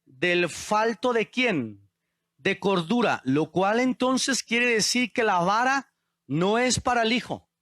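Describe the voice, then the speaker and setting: A man's voice: high-pitched, lively intonation, slow, a bit bright, no echo, studio quality. A male pastor preaching a sermon and asking the congregation questions. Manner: asks the congregation questions, call-and-response.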